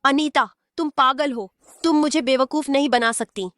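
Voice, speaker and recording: An actress dubbing a scheming young mistress with a sweetly fake manner. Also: female voice, high voice, normal speed, fairly bright tone, dry recording, clean studio sound. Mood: humiliated. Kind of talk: Hindi dub of a drama.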